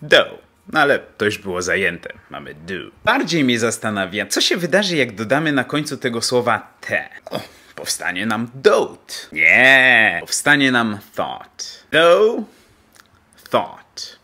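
A man's voice: medium pitch, sing-song, measured pace, sharp tone. A young man who teaches English, ranting in a sarcastic, mock-outraged way, recorded outdoors in an empty spot. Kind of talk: comic rant to camera.

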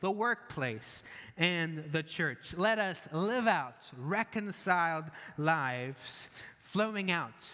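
A man preaching a church sermon in an earnest way, then leading a quiet prayer. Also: on the high side, animated, slow pace, in a large hall. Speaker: pastor. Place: church sanctuary.

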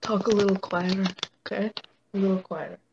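A woman's voice: mid-range voice, little pitch movement, brisk, vocal fry, dull audio, noisy background. A young woman on a video chat, giggly and scatterbrained.

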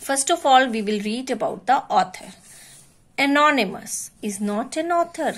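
A woman's voice: high voice, animated, normal speed, fairly bright tone. A woman teacher, giving a class to young children, checking in often and mixing in Hindi phrases. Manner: repeats and checks on pupils, switches into Hindi phrases. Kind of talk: online class lesson.

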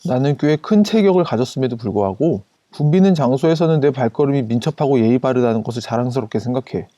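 A man narrating a first-person anecdote as scripted storytelling, in an even, casual retelling style. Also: medium pitch, fast talker, no echo, dull audio.

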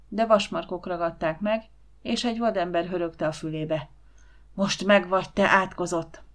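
A woman reading an audiobook aloud, acting out the dialogue with shifting voices. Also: medium pitch. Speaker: audiobook reader. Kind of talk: audiobook narration.

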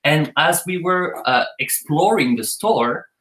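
A man's voice: a little high, lively intonation, a little slow, a bit bright, reverberant, low-quality recording. A man casually telling the story of how he met his partner, chatty and playful. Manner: chatty, playful, laughs often. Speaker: co-host telling their story.

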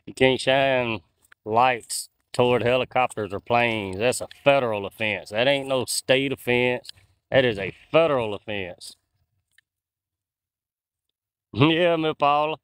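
This 40-something man chats with viewers on a live stream as he walks through woods at night, talking into a gimbal-mounted phone. Folksy and chatty, he reads viewer comments aloud. He speaks at a medium pitch and measured pace with long pauses, his voice smooth and a bit bright.

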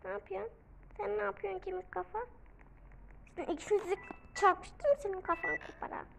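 A woman giving playful, excitable commentary while playing a video game, often shrieking and counting aloud. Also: very high-pitched, moderate pace, creaky, noisy background. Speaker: gaming video creator. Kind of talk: casual gameplay commentary. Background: game music.

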